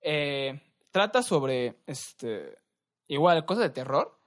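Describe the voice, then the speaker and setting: A young man with a Mexican Spanish accent, co-hosting a podcast and telling stories in a relaxed, slangy, rambling way. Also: on the high side, slow. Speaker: podcast co-host. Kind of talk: casual chat.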